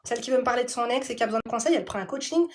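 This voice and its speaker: Woman vlogger, high voice, sassy and fed up, live storytime rant. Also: very fast. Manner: animated, sassy street slang. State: annoyed.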